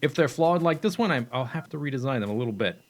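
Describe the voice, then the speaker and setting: Hiccuping through a casual let's play, a young man plans a factory build out loud, full of fillers and self-corrections. He talks fast at a medium pitch with lively intonation, and soft music plays in the background.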